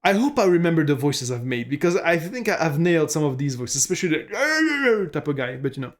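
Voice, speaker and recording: A man's voice: fairly high pitch, big pitch swings, fairly quick. A man chatting casually and upbeat as a game streamer. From France. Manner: rambling, upbeat, lots of fillers. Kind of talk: casual gaming stream chat.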